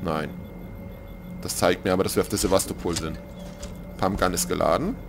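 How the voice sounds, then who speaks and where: A man commentating his horror game playthrough, joking and excitable, dropping to whispers when things get tense. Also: low-pitched, normal speed, creaky, very noisy. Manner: excitable, jokey, drops to whispers in tense moments. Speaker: let's play commentator. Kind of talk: gaming commentary. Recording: gameplay music playing behind.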